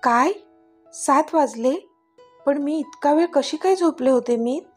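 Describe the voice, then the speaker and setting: An eager young wife speaks with loving excitement, her voice sitting a little high, as a woman reads her part. The reading has faint music running underneath it. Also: a little slow. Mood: puzzled. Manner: affectionate, excited.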